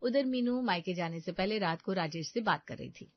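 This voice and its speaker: A woman narrating a domestic family story in an expressive storytelling manner. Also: mid-range voice, brisk, no room sound. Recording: dull dry lo-fi recording.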